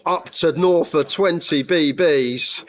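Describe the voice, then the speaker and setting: A man giving excited, chatty live poker commentary in an animated, incredulous manner, quick to laugh. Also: on the high side.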